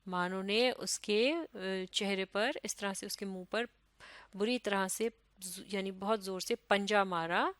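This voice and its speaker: A woman teacher from Pakistan is taking students through a children's story. Her pitch sits in the middle range, and her overall delivery is slow and deliberate, with an occasional "uh" as she explains. The sound is close and dry, with no room echo. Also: a bit bright. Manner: reads each English line slowly, then explains it quickly; slight hesitations with "uh".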